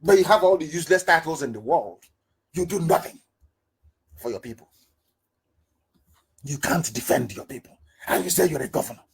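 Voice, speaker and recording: A man's voice: a little high, animated, normal speed, vocal fry, long pauses. A middle-aged man giving an impassioned political address, firing off rhetorical questions and repeating words for emphasis. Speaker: political broadcaster.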